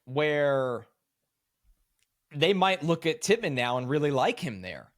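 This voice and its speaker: A man's voice: on the high side, lively intonation, slow pace, dry recording, studio quality. A man co-hosting a sports podcast, breaking down plays in long, analytical run-on explanations. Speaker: podcast co-host. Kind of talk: casual sports analysis chat.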